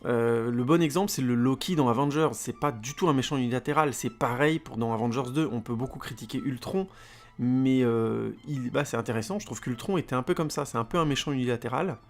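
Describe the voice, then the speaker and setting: Male podcaster, mid-pitched gravelly voice, loose rambling film-review delivery with lots of fillers, faint music underneath. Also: brisk. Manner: rambling, many fillers and repeated words. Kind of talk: casual spoken film review.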